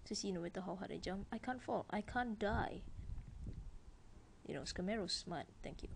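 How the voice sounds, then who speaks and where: A woman's voice: medium pitch, animated, normal speed, vocal fry, a little hiss or hum. A woman giving casual let's-play commentary, chatting to viewers as she plays. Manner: chatty, talks to viewers while playing. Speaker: gameplay commentator.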